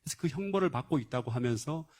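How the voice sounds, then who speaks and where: A man's voice: on the high side, expressive, fast, darkish tone. A male pastor giving a sermon, retelling a Bible story emphatically with rhetorical questions and frequent interjections of "yes".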